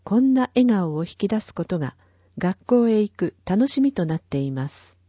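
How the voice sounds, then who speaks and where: A woman's voice: mid-range voice, big pitch swings, normal speed, dark tone, breathy edge, no room sound. A woman reading a town newsletter aloud, carefully and evenly, spelling out numbers and addresses digit by digit. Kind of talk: slow, careful read-aloud of a printed bulletin. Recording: dull, lo-fi and dry.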